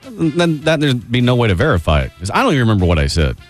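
A man's voice: medium pitch, wildly swooping pitch, quick pace, soft background music. A man in casual radio banter, speaking defensively.

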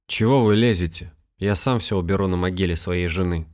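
Man voicing grieving young husband, bewildered, curt, clipped, very deep voice. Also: a little fast, a little mellow, natural voice.

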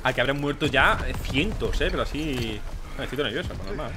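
Excitable Spanish gamer, lively voice. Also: male voice, medium pitch, fast, background noise. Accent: Spain Spanish. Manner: excitable, swears often, yelps at the action. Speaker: gaming streamer. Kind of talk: let's play commentary. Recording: game music behind.

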